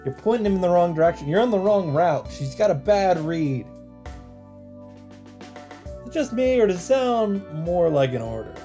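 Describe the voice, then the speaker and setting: A man with a high, warm, sing-song voice does casual let's play commentary at a moderate pace with long pauses. He reacts aloud and reads game text in English over game music.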